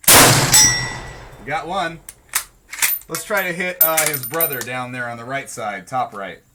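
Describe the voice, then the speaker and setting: A man hosts a casual demonstration video at an outdoor shooting range, joking in a laid-back way with frequent ums. His mid-range voice moves slowly, and the recording is very noisy.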